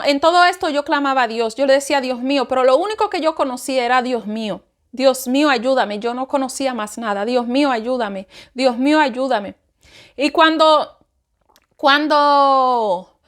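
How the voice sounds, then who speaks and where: A woman's voice: high voice, fairly bright tone. A woman giving an emotional personal spiritual testimony, often repeating herself and acting out her own cries for help. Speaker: testimony speaker.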